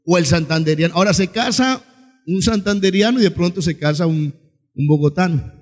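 Male pastor, sermon, animated, asks the congregation questions, high voice, long hall reverb. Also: brisk. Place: church hall.

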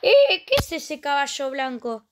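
Brief: Rioplatense woman host, let's play commentary, high voice, chatty and exclamatory. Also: big pitch swings, measured pace, background noise. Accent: Rioplatense Spanish. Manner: chatty, exclaiming often while playing. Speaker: gaming channel host.

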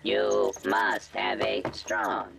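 Glitching, monotone festival robot. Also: male voice, lowish voice, vocal fry, distant mic, a crowd in the background, full character voice. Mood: malfunctioning. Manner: flat, halting robotic monotone. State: glitching, repeating error messages. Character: glitching festival robot, male, malfunctioning and dutiful. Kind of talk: video game voice acting. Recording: game audio, loud gunfire behind.

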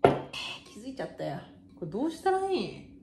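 A woman in her twenties chatting casually and excitedly in slangy speech while sharing songs. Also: on the high side, fast, reverberant, over loud music. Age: 20s. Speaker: YouTuber.

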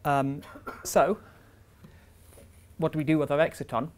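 A man's voice: a little high, little pitch movement, a little slow, a little hiss or hum. A young man giving an academic seminar in a lecture room, explaining step by step with frequent ums and uhs. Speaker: visiting researcher giving a seminar.

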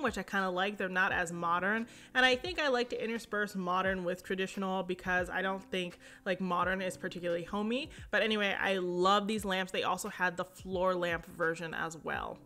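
In this easygoing shop-with-me voice-over, a young woman chats her way through buying home decor at a medium pitch. Her voice is bright and forward and carries clearly, with frequent fillers and brief side remarks.

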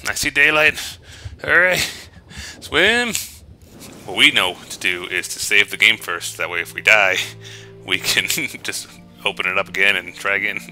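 Male gaming host, lowish pitch, very bright forceful tone, jokey, exclaiming, casual commentary, faint game noise. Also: steady tone, normal speed, soft background music, rough recording. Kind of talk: casual let's play commentary. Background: video game sounds.

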